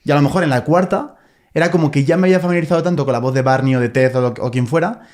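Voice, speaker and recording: A man's voice: on the high side, very fast, darkish tone. A man, a podcast host telling a personal story in a chatty way. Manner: chatty, personal anecdotes, eh fillers. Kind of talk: podcast interview, casual chat.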